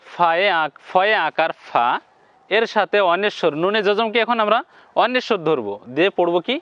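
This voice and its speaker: Guy teaching quran pronunciation, pretty high voice, slow and repeats each syllable, dry dull-ish sound. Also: a bit bright, dry recording. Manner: gives Arabic sounds a heavy nasal tone. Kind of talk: step-by-step lesson on pronunciation.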